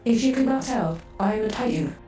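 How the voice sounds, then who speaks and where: Lady doing a giant rock alien titan thru a voice changer, stiff and formal, kinda dark tone, far off echoey mic. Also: on the high side, expressive, a little fast, soft background music. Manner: stiff, formal in-character greeting. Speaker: tabletop player. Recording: roomy echo, distant from the mic.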